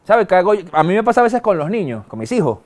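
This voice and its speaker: A middle-aged male pastor, preaching a sermon in a conversational way, with colloquial asides and sudden quick bursts. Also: high-pitched, very animated, darkish tone. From Venezuela.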